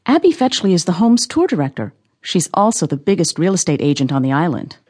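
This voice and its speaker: In an audio drama, an actress voices an earnest, inquisitive amateur sleuth who sounds matter-of-fact and questioning. Her husky, lowish female voice is sing-song and brisk, with a slightly mellow quality.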